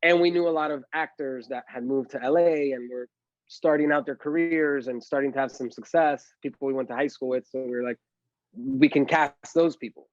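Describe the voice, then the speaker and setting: A filmmaker from Miami, Florida, is a guest on a casual podcast interview, telling his story chattily and leaning heavily on "like" and "you know". His voice is medium-pitched at a normal speed, with no echo but the highs cut off.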